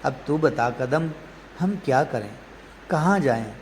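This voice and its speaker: A man's voice: medium pitch, lively intonation, measured pace, lightly acted. A man voicing a lovesick grieving cowherd girl. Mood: lamenting. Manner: pleading, lamenting questions. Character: grieving young female cowherd, lovesick and self-reproaching. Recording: reverberant hall, faint noise.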